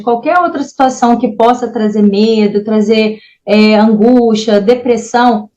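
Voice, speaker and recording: A woman psychologist answering interview questions in a measured, advising way, often checking that the listener follows. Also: high voice, darkish tone, rough recording. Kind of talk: explanatory interview talk.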